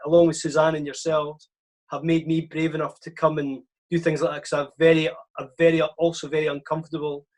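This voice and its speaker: A man speaks as a guest over a video call, modest and a little hesitant. His pitch is fairly high for a man but stays flat, with little rise and fall. "Uh" fillers break up his sentences as he works through his point. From Scotland. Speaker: panel guest.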